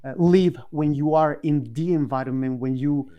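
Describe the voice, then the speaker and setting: A man's voice: fairly high pitch, steady tone, moderate pace, smooth, highs cut off. A man, a guest speaking over a video call, thoughtful and full of hesitant ums. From Colombia. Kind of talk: casual interview chat.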